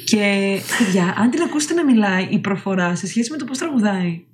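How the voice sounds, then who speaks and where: A woman's voice: mid-range voice, expressive, darkish tone, slight background noise. A woman chatting casually with friends over a call, opinionated and gossipy. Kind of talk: casual group chat.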